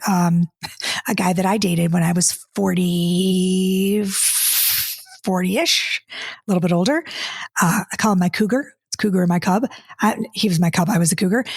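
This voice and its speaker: A dating coach in her 50s hosts a casual solo podcast, chatty and exasperated, stumbling over restarts as she reads listener comments aloud and then answers them. Her medium-pitched voice is husky with a darkish tone. The studio-quality recording has no echo.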